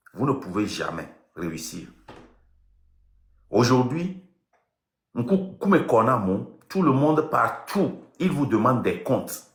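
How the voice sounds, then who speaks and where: A Togolese man in his fifties, an online activist host, rants defiantly and passionately on a livestream in Togolese-accented French, emphatically mixing in a local language. His voice is fairly low and fairly bright, with a roomy sound.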